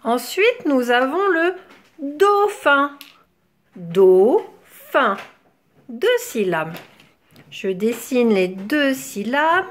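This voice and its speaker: A woman teacher talks very slowly to small children, sounding out each word one syllable at a time. Her voice sits fairly high and swoops up and down in a lively, sing-song way. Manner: syllable-by-syllable enunciation, drawn-out words. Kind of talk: slow, careful classroom explanation for young children.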